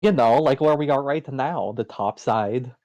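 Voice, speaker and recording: A man's voice: mid-range voice, a little slow, darkish tone. Man player, joking drawl, stays in character. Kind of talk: in-character tabletop play.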